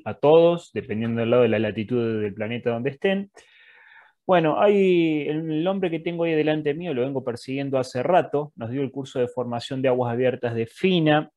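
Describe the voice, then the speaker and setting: Rioplatense man hosting, mid-pitched voice. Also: darkish tone. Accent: Rioplatense Spanish. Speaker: interviewer. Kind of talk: casual interview hosting. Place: indoor room, video call. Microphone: wired earphones on a video call.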